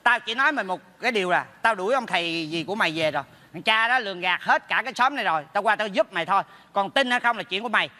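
A meddling neighbor teases and mocks in quick bursts with a Southern Vietnamese accent. His voice sits high and sounds bright. He keeps up a stage comedy sketch's brisk banter. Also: expressive, big-room sound, heavily acted. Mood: mocking. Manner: quick, mocking teasing. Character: meddling, teasing male neighbor.

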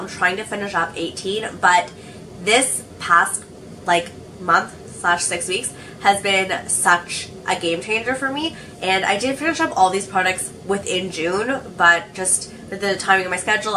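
A woman's voice: medium pitch, sharp tone, far from the mic, a little hiss or hum, rough recording. A young woman chatting casually as a beauty vlogger, sounding a little sick with a cold and saying "like" a lot. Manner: chatty, says "like" often. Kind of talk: casual chat.

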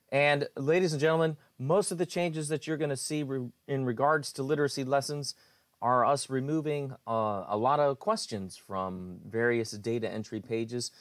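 A man's voice: medium pitch, normal speed, no echo. Man walking through a screencast, dry sound. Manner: plain explanatory, with fillers. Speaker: IT director presenting website updates. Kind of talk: screencast walkthrough.

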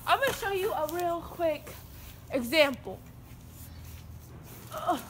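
A woman's voice: extremely high pitch, expressive, takes it slowly, a bit bright. Playful young woman giving a joking house tour. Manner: playful, giggly, mock-boastful. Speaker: vlogger. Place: large house and backyard. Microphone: handheld phone camera. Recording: roomy phone audio with background noise.

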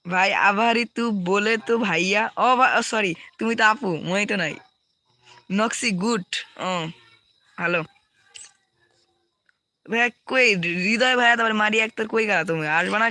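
A man's voice: sits high, pushed and bright, no room sound. A young man with a Bangladeshi Bengali accent, hosting a live gaming stream, reading out viewer names and repeating team codes.

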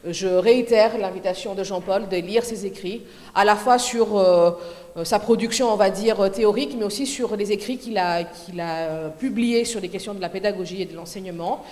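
A woman's voice: medium pitch, darkish tone. A woman with a French accent giving a hesitant, filler-heavy introduction as a conference organizer in a large lecture hall. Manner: hesitant, many fillers, halting in English. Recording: roomy hall with long reverb, faint noise.

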